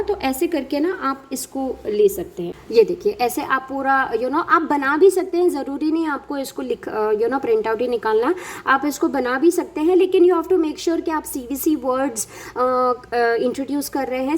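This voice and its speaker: Woman, high voice, explains reading steps for parents carefully, slow modelled words. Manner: explains step by step, mixes English terms, models words slowly. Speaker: parent educator. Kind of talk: instructional talk.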